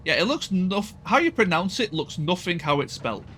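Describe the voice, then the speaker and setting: Animated bright-voiced male game streamer. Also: high-pitched, brisk, a little hiss or hum. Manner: chatty, swears casually, thinks aloud. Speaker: streamer playing a mech strategy game. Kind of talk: casual gameplay commentary.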